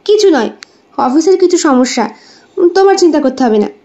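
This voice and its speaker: A woman voicing a hot-tempered young woman in an audio story, sharp in anger and pleading when troubled. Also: high-pitched, lively intonation, brisk, pitched above the performer's own voice. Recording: dull lo-fi recording.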